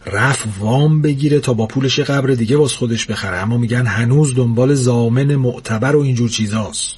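A man's voice: medium pitch, darkish tone, husky. A man doing a bossy, lecturing thin ghost. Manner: scolding, lecturing.

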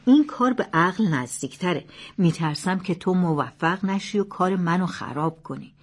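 A woman's voice: on the low side, animated, slightly rough. A woman voicing a scheming, quarrelsome male thief. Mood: argumentative. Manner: insistent, argumentative.

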